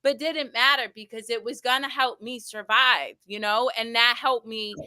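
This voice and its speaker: A woman with a bright, rather high voice shares earnest, upbeat reflections. The sound is close and dry, with no room around it. She speaks with conviction. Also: fairly even intonation, moderate pace, no echo. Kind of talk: casual conversation.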